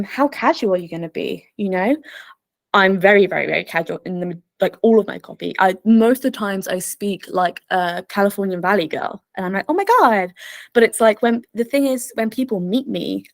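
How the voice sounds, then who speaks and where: A woman's voice: medium pitch, a little mellow, dry recording. A young woman presenting an online workshop in a bubbly, chatty way, full of fillers. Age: young adult. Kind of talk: casual online workshop talk.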